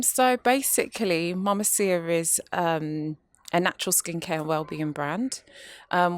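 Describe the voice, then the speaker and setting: A woman's voice: low voice, fairly bright tone, no room sound. A woman, a guest in a casual interview, explaining at length with many ums. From North London, UK. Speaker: guest, skincare business founder.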